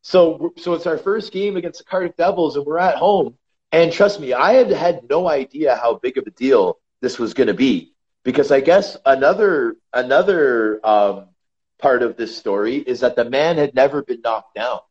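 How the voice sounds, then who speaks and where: A man's voice: medium pitch, normal speed. A man guest on a podcast, casually telling stories about his ice hockey career and calling the host brother. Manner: animated, calls the host brother. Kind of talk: casual interview storytelling. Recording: slightly dull lo-fi sound.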